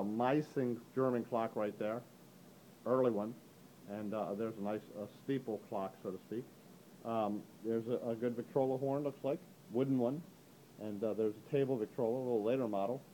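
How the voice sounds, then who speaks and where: A middle-aged auctioneer man with a warm, mellow voice gives an upbeat, chatty preview of antique items. He is heard through a handheld camera mic as he walks an indoor gallery. Faint room noise sits under his talk. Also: poor audio. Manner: chatty, upbeat pitch with frequent "ladies and gentlemen". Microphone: handheld camera mic, speaker behind the camera.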